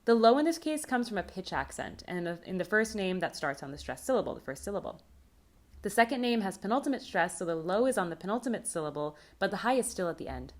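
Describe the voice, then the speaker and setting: A woman presenting a recorded academic conference talk on linguistics, explaining terms in a clear, measured way. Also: medium pitch, lively intonation.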